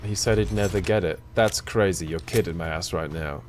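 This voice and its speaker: Brief: weary male streamer, low-voiced, rambling and self-deprecating as he answers chat. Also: brisk, slight background noise. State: tired. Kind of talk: casual chat reading out viewer questions while gaming.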